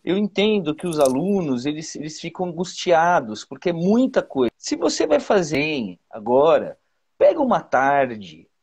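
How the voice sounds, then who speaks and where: A male teacher with a Brazilian Portuguese accent, giving exam advice in a casual, halting way with many repeated words and fillers, over a video call. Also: on the high side, big pitch swings, a little mellow, husky. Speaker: teacher, guest.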